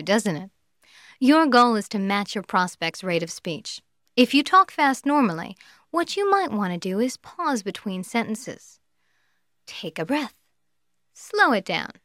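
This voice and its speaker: A woman's voice: medium pitch, no echo, clean studio sound. A woman giving an instructional talk on sales rapport, playful and given to acting out the voices she describes, with a light laugh between points. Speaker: sales trainer.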